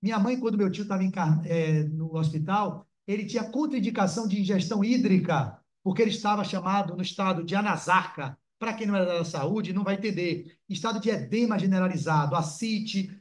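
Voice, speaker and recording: Guy giving a spiritist talk, pretty high voice, acts out all the voices, very animated. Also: fairly quick, hardly any pauses. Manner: animated, theatrical, acting out voices. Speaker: spiritist lecturer. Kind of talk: lecture with dramatized personal story. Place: spiritist center meeting hall.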